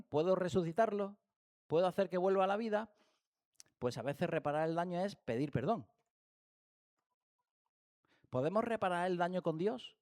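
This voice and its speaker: A man with an accent from Spain leads a church Bible study in a fairly high voice. He talks animatedly, firing rhetorical questions and acting out small everyday scenes to make his point. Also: a little mellow. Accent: Spain Spanish. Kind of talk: church teaching talk. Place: church hall.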